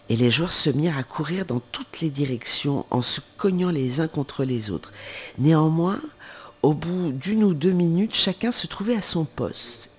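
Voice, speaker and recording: A man's voice: fairly high pitch, breathy edge. A man reading a children's book aloud, with casual asides and corrections. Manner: informal asides and self-corrections while reading. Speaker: reader.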